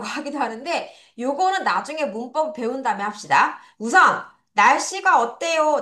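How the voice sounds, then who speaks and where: With a high, somewhat bright voice, a young adult woman runs a children's English lesson on recording. Warm and friendly, she treats the kids as friends and leads repeat-after-me pronunciation drills.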